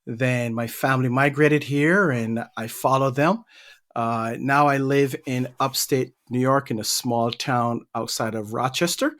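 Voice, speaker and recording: A man's voice: mid-range voice, fairly even intonation, a little slow, a bit bright. Easygoing man from Barbados. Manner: easygoing, repeats words while thinking. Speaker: guest, leadership trainer. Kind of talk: casual interview answers.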